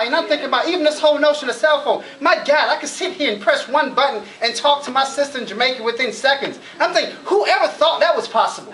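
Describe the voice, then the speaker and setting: A man's voice: extremely high pitch, sharp tone, low-quality recording. A middle-aged man giving a motivational keynote speech at a college event, telling stories and acting out his own inner thoughts with building emphasis. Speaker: keynote speaker.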